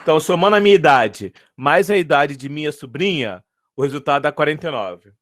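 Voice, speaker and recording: A man's voice: on the high side, animated, fairly quick, a bit bright. A man with a Brazilian accent, teaching a math lesson, patiently repeating his points and checking in with the students. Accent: Brazilian Portuguese.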